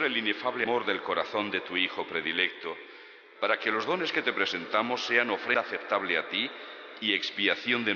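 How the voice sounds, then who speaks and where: A man, a priest intoning the prayers of Mass in measured, solemn recitation, with a long cathedral echo around his voice. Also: lowish voice, pushed and bright, a little hiss or hum. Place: large church. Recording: echoey church from a distance.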